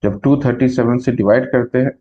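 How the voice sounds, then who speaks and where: A male math teacher explaining slowly, step by step, who asks questions and answers them himself, mixing Hindi with English math terms. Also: mid-range voice, fairly even intonation, lo-fi sound. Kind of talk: classroom lecture at a whiteboard.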